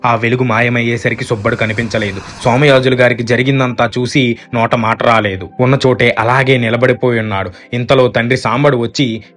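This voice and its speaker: A man hosting a channel, narrating a devotional story in a measured, expressive storytelling manner. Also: medium pitch.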